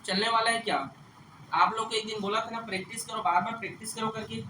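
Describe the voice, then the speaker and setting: A man's voice: high voice, fairly even intonation, fast talker, distant mic. Man teaching math to a class, stern and questioning, recorded from across an echoey room with traffic noise behind. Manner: scolds and lectures students; checks understanding with repeated questions.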